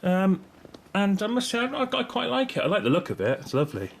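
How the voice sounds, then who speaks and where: A middle-aged British man with a voice that sits high and swoops wildly in pitch talks fast as he reviews gear on video. It's casual and unscripted, rambling and tentative, full of self-corrections, with clear background noise and room ambience.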